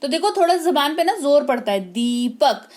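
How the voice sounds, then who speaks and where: High-pitched lady teacher, patient, says words slowly and asks if you got it. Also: sing-song, a little mellow. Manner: patient, repeats words slowly and checks understanding. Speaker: English teacher. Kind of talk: explaining spelling to learners.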